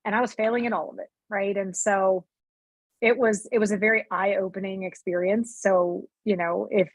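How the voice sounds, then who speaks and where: A woman's voice: medium pitch, dry recording. A woman, a sleep consultant and guest, telling her own story with candor and liveliness, acting out the voices she quotes. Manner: lively, acts out quoted voices, many fillers. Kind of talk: candid personal storytelling.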